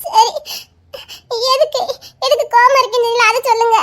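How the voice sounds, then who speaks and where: A woman's voice: very high-pitched, steady tone, normal speed, fairly bright tone. A woman pleading and laughing in a casual couple chat, whining as she coaxes her husband to talk. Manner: pleading, laughs and whines while coaxing. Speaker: wife in a couple vlog.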